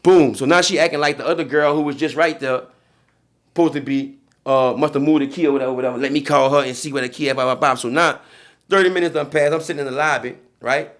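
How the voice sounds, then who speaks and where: Telling a story as a podcast guest, this young New Orleans-accented man speaks fast in a fairly high, steady voice. His talk is casual street slang, with "you feel me" coming up again and again.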